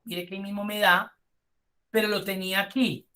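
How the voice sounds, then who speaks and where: Colombian male instructor, bright voice, live-class explainer who drifts into chatty asides. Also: sits high, flat delivery, moderate pace. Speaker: spreadsheet course instructor.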